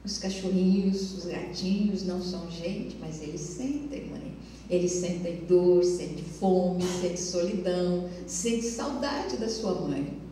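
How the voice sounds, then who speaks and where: A woman's voice: on the low side, a little slow, warm tone, slight background noise, lightly acted. A woman voicing an earnest young man just out of a sanatorium, pleading and insistent with his mother, recorded with a far mic in an echoey hall.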